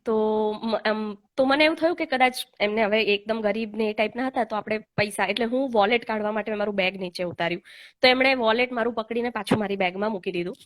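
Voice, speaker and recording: Over an online live call, the young woman hosting this casual chat recounts something personal in an earnest, heartfelt way, peppered with hesitant fillers. She speaks quickly in a slightly high voice.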